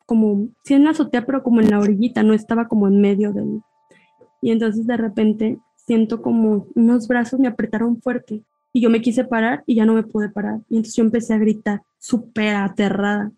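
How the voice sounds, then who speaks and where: A woman's voice: fairly high pitch, a little fast, no echo, poor audio. A woman with a Mexican accent, a podcast guest telling a personal story in casual chat and acting out her family's words. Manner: animated, acts out family dialogue.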